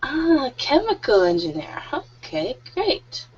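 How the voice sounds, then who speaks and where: A woman's voice: high-pitched, wildly swooping pitch, takes it slowly, a little hiss or hum. A woman in her thirties teaching an online English group class, friendly and a little nervous, laughing often. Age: 30s. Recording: muffled lo-fi audio.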